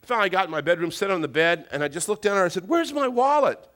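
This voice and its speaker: Bright-voiced middle-aged male pastor preaching. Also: a little high, rapid-fire. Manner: folksy humorous storytelling; emphatic preaching with repeated phrases. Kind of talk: sermon.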